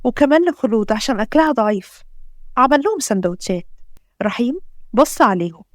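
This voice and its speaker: A woman's voice: a little high, animated, fast talker, dry recording, clean studio sound. A woman with an Egyptian accent narrating a family drama story and reading every character herself. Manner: reads every character herself with little change of voice.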